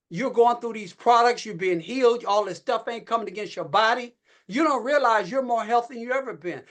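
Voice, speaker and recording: Fired-up preachy man on a call. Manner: preachy, folksy, repeats phrases, gets loud and high when fired up. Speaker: network marketing leader speaking on a company call. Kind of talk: motivational pep talk.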